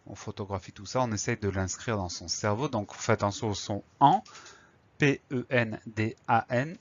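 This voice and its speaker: A man teaches a spelling lesson, patiently breaking words into syllables and spelling them letter by letter. His voice is medium-pitched, and the recording has its highs cut off.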